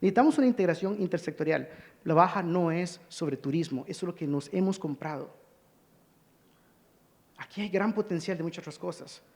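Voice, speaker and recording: The speaker, a Costa Rican man, has a high-pitched, expressive voice with a darkish tone and a brisk delivery. He presents earnestly and urgently at a conference, calling for the next slide, with long reverb from the hall.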